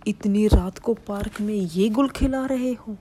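A woman voicing a drunk, gruff male police constable who speaks harshly. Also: mid-range voice, a little slow, mellow, a little hiss or hum, natural voice. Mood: scolding. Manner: harsh and scolding.

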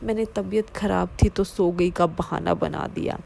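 A woman reading a first-person story aloud in a steady, low-key way. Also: normal speed, creaky. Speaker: narrator.

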